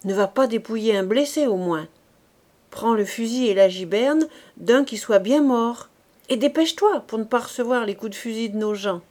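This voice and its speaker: A brisk, commanding corporal, put on by a woman reading a story aloud. He barks short orders in a loud, higher-pitched voice. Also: natural voice. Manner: barking orders, raised voice. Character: gruff blunt male corporal, brisk and commanding.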